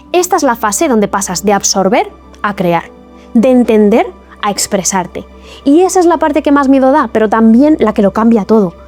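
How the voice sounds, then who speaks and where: Encouraging woman teaching over soft music. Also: on the high side. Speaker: English teacher. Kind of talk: scripted video lesson.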